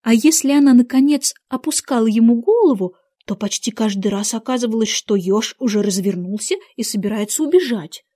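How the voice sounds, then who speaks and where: A woman narrating a fairy tale in an expressive, lively reading. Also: fairly high pitch, brisk, hardly any pauses.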